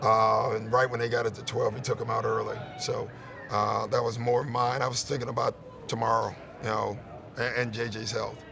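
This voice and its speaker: Gravelly-voiced man fielding press questions. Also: mid-range voice, little pitch movement, moderate pace, a crowd in the background. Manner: candid, conversational, peppered with "you know" and "listen". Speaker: head coach. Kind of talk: postgame press conference answers.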